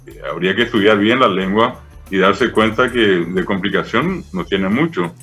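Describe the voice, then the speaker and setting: Un hombre de mediana edad con acento paraguayo, profesor invitado que explica con paciencia y muchos "eh" y "¿verdad?". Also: male voice, lowish voice, lively intonation, moderate pace, a bit bright, soft background music. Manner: patient, didactic, many fillers "eh" and "¿verdad?". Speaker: Guaraní language professor, guest. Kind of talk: explanatory interview talk.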